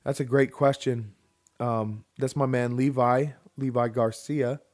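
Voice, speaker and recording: In his thirties, this podcast co-host chats unhurriedly at an ordinary middle pitch on a relaxed home show. Reading listener questions, he rambles, circles back, and uses fillers and restarts.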